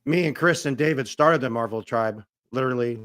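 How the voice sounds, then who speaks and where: A man with a hoarse, rough, raspy voice worn out by coughing, chatting casually and informally. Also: mid-range voice, brisk, a bit bright. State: hoarse, voice nearly gone from coughing. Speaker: guest, co-founder of a fan show. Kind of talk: casual chat.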